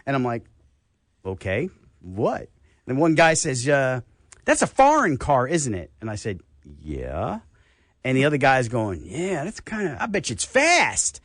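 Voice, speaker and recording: An older man with a New York accent, hosting a radio health talk show and telling stories in a casual, animated way. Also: medium pitch, a little slow, no room sound, studio quality. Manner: animated storyteller, acts out voices.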